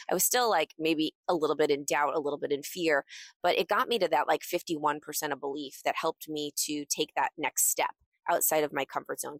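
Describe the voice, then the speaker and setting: A woman's voice: deep voice, dry recording. A woman podcast host talking casually from inside a closet, in a chatty, emphatic, motivational manner. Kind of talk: casual solo podcast talk.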